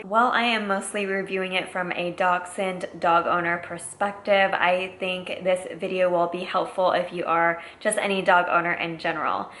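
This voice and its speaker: Woman, twenties, relaxed product-review vlogger; lower register, slight room echo and faint background hiss. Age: 20s. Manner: friendly, explanatory, walks through features. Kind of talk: casual product review vlog.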